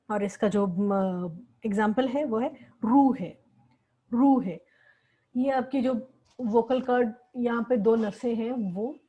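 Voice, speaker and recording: A woman's voice: fairly high pitch, mellow, husky, rough recording. A woman teaching a language lesson, patiently repeating each word several times. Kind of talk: slow spoken lesson with repeated words.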